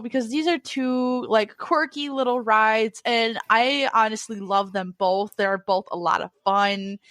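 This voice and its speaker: A young woman with a fairly high voice, co-hosting a podcast in a lively, teasing way and laughing often. The recording is dry and close, with little room sound. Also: no room sound. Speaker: podcast co-host. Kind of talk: casual chat.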